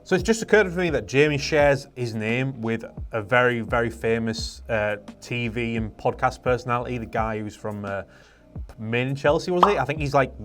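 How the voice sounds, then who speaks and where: A British man presenting for a shop, casually reading out customer reviews in wry disbelief, with music behind him. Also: medium pitch. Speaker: presenter for an airsoft and paintball shop.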